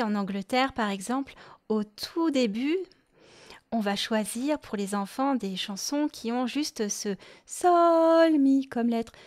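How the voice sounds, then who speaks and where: A woman from France hosting a music lesson podcast for parents, explaining gently and singing short rhymes. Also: on the high side. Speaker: music teacher and podcast host.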